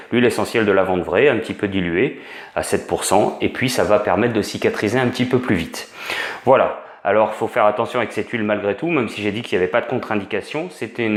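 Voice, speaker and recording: A man's voice: fairly low pitch, echoey room. A man giving an informal spoken lesson as an instructor, hesitant, with many fillers and restarts. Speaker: essential oils instructor.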